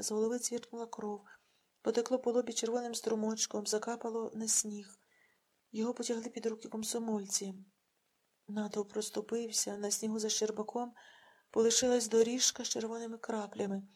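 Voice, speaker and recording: A woman reading a novel aloud in an earnest, measured narration. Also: on the high side, a little mellow, slightly rough. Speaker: audiobook reader. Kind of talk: scripted narration.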